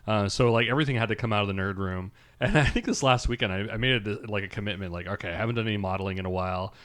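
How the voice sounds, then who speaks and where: A man co-hosting a podcast in casual chat, telling stories in a rambling, halting way and laughing a lot. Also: fairly low pitch, fairly bright tone. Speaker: podcast co-host.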